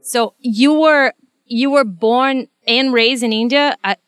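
A woman from Brazil hosting a podcast, telling her own stories in lively casual conversation. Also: a little high, slow pace, soft background music. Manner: animated, laughing storytelling. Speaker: podcast host, veterinarian.

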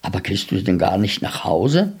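A man voicing a kindly, curious older man in a storybook reading, gentle and coaxing with many questions. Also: low-pitched, big pitch swings, moderate pace, gravelly, husky, pitched below the performer's own voice, full character voice.

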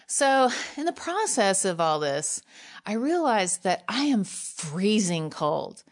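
A woman, a guest author telling a story in casual conversation, animated and laughing, with many 'like' fillers. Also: medium pitch, slow.

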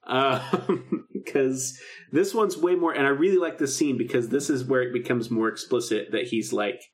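A man with a mid-range voice, talking at a moderate pace, co-hosts a podcast. He's recapping a radio drama casually, with plenty of fan excitement.

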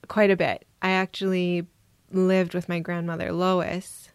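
A woman from Minnesota, a guest on an interview podcast, telling her personal story in a reflective, soft-spoken way. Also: fairly low pitch, level tone, unhurried, clear, resonant tone, no echo. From Minnesota, USA. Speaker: guest adoptee.

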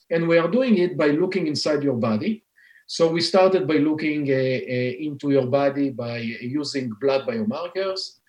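A man in his forties with an Israeli accent, a scientist and founder, explains his work in a podcast interview full of fillers and restarts. His voice is a little high and a little mellow, and the recording has a roomy echo.

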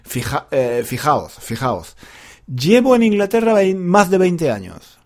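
Animated playful male teacher. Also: on the high side, measured pace. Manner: repetitive, playful, self-deprecating. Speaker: podcast host and Spanish teacher. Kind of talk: teaching Spanish podcast.

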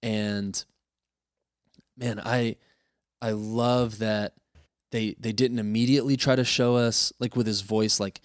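A man hosting a casual podcast chat, animated and quick to laugh. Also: lowish voice, no room sound, studio quality. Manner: animated, breaks into quick character impressions and laughs. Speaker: podcast host.

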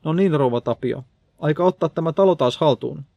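Storybook: a man doing a gruff house cleaner, blunt and scolding, dark gravelly timbre, dry read. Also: on the high side, dry recording. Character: stern, gruff house cleaner with a mop, defiant.

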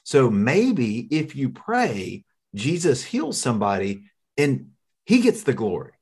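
A man's voice: medium pitch, huge pitch swings, slow pace, a little mellow, slightly rough. A man telling a healing testimony in an earnest, conversational way, often repeating words as he starts. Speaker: minister sharing a testimony.

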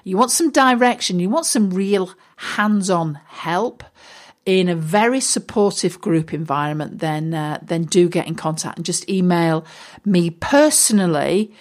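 A woman's voice: lowish voice, measured pace. A woman talking casually as a business coach and host, chatty with many fillers and restarts. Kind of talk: casual solo talk.

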